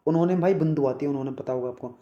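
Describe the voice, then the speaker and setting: A man's voice: a little high, racing, mellow, reverberant, highs cut off. A man teaching a spelling lesson for exam prep, repeating words and checking in again and again. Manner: repeats words, keeps asking "okay brother?".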